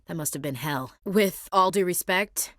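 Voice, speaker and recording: An actress voices a tough, blunt young female marine in a video game, speaking in a direct, clipped soldierly manner with a steady mood. Her fairly low voice sounds natural, a bit bright and at normal speed, recorded at studio quality with no echo.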